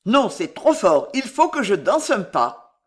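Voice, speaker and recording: A reader voicing an excitable, jovial one-armed man who talks in loud exclamations. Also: mid-range voice, normal speed. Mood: jubilant. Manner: exclamatory, lively.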